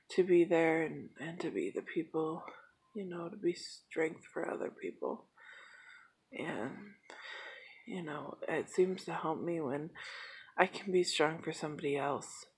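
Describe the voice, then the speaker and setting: A young woman in her late twenties opens up in a personal vlog update, her voice low and deeply husky. She talks slowly and haltingly, with many fillers, holding back emotion. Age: 20s. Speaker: vlogger.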